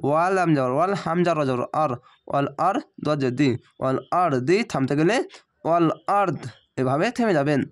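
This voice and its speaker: Male reading teacher, patient letter-by-letter spelling, drawn-out recitation, slightly high voice. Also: lively intonation. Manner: spells letters and vowel marks, then recites words slowly and drawn out.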